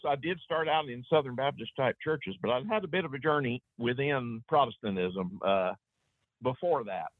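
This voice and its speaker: A man from East Tennessee speaks with an Appalachian accent at a middling pitch. He tells things in a folksy, unhurried, conversational way as a guest. The sound is dry, with hardly any room in it. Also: no room sound, phone-quality sound. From East Tennessee, USA. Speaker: guest author. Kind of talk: casual interview talk.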